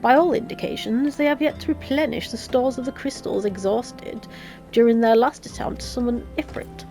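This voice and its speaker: A woman's voice: fairly high pitch, moderate pace, mellow, soft background music, lightly acted. A woman voicing an earnest, wordy noblewoman leader, reading formal fantasy game dialogue. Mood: pensive. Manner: formal, long-winded. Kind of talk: video game dialogue read aloud.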